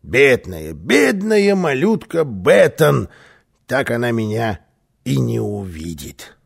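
A man's voice: mid-range voice, takes it slowly, vocal fry, slightly rough, full character voice. Karlsson, a man doing a boastful little trickster. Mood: boisterous. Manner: loud, excitable, commanding.

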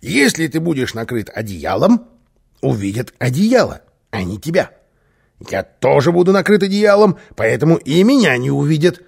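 A man's voice: a little high, moderate pace, gravelly, breathy edge, pitched above the performer's own voice, full character voice. Karlsson, a man doing a boastful little trickster. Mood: boisterous. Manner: loud, excitable, commanding.

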